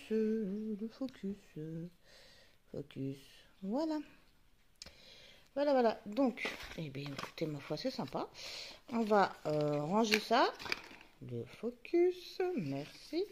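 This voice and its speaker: A woman talks casually to her viewers, thinking aloud and muttering asides as she goes. Her pitch rises and falls widely. A faint noise sits under the recording. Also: a little mellow. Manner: chatty, talks to the camera focus, muttering asides. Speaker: YouTuber unboxing advent calendars. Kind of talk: casual chat.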